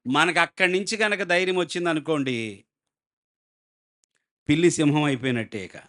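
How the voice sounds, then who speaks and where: A man's voice: fairly high pitch, moderate pace, fairly bright tone. A male pastor preaching a sermon with a Telugu accent, asking the congregation questions and acting out the people in his story. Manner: dramatic, acts out quoted voices, asks the congregation questions.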